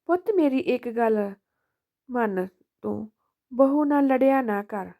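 A woman voicing an elderly mother who speaks softly and forgivingly to her son, in a storybook reading. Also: on the high side, slow pace. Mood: pleading. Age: older.

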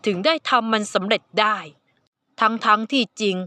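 A woman voicing a calm, reserved adult man in an audiobook romance, speaking softly and with measured care. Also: a little high, clean tone, dry recording. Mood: gentle. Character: calm reserved adult male alpha partner.

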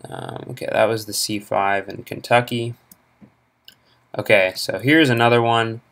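A young adult car vlogger speaks in a steady, mid-range voice, a little slowly and with a fairly bright tone, as he rambles through car auction listings. Full of fillers, this casual screen-recorded commentary was made indoors at home on a laptop mic.

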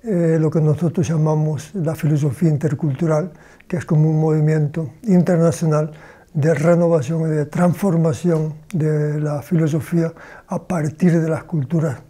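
Pausing often to search for the right words, an older man from Cuba, a professor of philosophy, gives slow, deliberate interview answers. The setting is a small room with bookshelves, and his slightly high voice has a warm tone.

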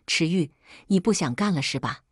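Brief: female narrator doing a jealous rich girl, breathy, dry close sound. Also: lowish voice, expressive, normal speed, dry recording. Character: spoiled jealous young woman, spiteful.

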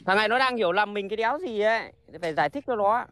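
A man's voice: sits high, lively intonation, very fast, sharp tone. A man hosting a casual livestream, talking bluntly and rambling with restarts and frequent swearing. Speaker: livestream host selling plants.

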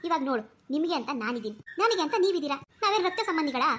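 Cartoon old grandmother, voiced by a woman, warm and preachy, high and fast. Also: a little hiss or hum. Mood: consoling. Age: older. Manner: warm, soothing, preachy, lively. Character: kindly talkative old grandmother. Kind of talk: cartoon voice acting.

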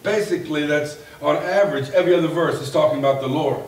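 A man in his forties preaching a sermon from a pulpit in a folksy, animated way that builds to a shout. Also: a little high, fast. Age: 40s. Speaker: pastor. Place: church sanctuary, at a pulpit. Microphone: far camera at the back of the room. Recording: echoey church from far off, faint hiss.

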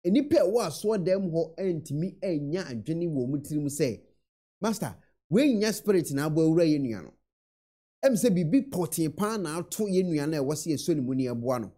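A man's voice: a little high, sing-song, fairly quick, dark tone. A young Ghanaian man in a small room, earnestly commenting on a video into a webcam and mixing in English words. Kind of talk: reaction commentary.

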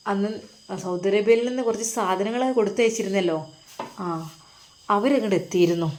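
A woman puts on a loving middle-aged father with a Malappuram Malayalam accent, speaking in a soft, reassuring way. He soothes his grown daughter with steady, mid-pitched warmth in this storybook reading. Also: lightly acted.

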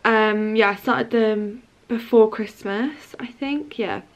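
A woman's voice: a little high, slow, poor audio. A young woman chatting casually to camera in a vlog, rambling with lots of fillers. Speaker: vlogger.

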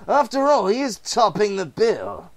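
A man's voice: high-pitched, huge pitch swings, a little slow, pitched above the performer's own voice, full character voice. A man voicing a cruelly jovial, theatrical clown supervillain in a mocking, showy way for a comic-book reading. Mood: gleeful, mocking. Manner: mocking, showy, mock-polite.

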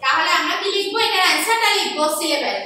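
High bright teacher in an echoey room. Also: female voice, animated. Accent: Bangladeshi Bengali. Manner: repeats each definition slowly for dictation. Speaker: primary school English teacher. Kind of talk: online lesson with repeated definitions. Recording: echoey room, mic at a distance, faint background noise.

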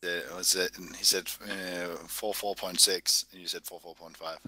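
Bright, low-voiced man chatting mid-game. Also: flat delivery, normal speed. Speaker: player in a military simulation game. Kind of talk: casual gaming chat.

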